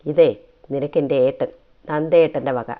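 A man's voice: a little high, fairly even intonation, normal speed, close to an everyday voice. A man voicing a playful, teasing teenage girl in a read-aloud story, recorded with tinny phone-like sound. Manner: teasing, chirpy.

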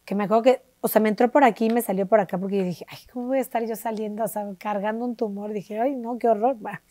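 A Mexican woman, an interview guest, telling a personal story in a lively way and acting out the voices of the people she quotes. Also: medium pitch, quick pace, no room sound. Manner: animated, acts out quoted dialogue with shifting voices. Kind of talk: conversational storytelling.

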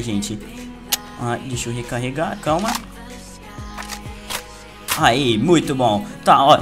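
A man with a Brazilian Portuguese accent giving playful, boastful gameplay commentary to his viewers. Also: fairly high pitch. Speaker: gaming youtuber. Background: loud game music and gunfire.

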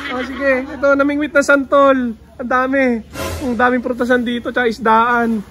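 A man vlogging casually as he walks through a pigeon loft, excited and joking, with frequent exclamations. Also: very high-pitched, moderate pace, background noise. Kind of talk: casual walkthrough vlog. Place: outdoor pigeon loft with birds around.

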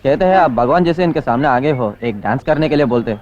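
Man as a village go-between interpreter, fairly high voice, dull lo-fi sound. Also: brisk, a little mellow, close to an everyday voice. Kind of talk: film comedy acting.

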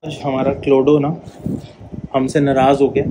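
A man at a middling pitch chats casually at home. He fondly teases and fusses over a dog. Loud noise runs under his voice throughout. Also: monotone, normal speed. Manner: teasing, affectionate talk to the dog. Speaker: dog owner. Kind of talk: casual home vlog chat.

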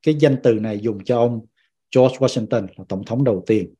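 Male teacher, native Vietnamese, mellow tone, drills each word and explains it. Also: mid-range voice, breathy edge, dull audio. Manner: repeats each English word slowly, then explains it. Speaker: pastor teaching citizenship class. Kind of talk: vocabulary lesson, teacher repeating words.

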